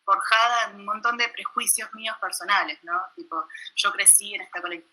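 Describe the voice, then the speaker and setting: Husky, bright-toned Buenos Aires woman. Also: mid-range voice, little pitch movement, low-quality recording. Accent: Buenos Aires Spanish. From Buenos Aires, Argentina. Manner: casual, self-deprecating, halting with many restarts. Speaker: documentary filmmaker presenting her work. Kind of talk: informal online talk. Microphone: video call.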